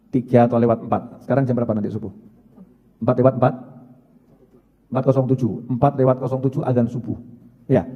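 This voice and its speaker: A man's voice: medium pitch, husky, long reverb tail, dull audio. A man preaching a sermon in a conversational, joking way, often asking the congregation questions.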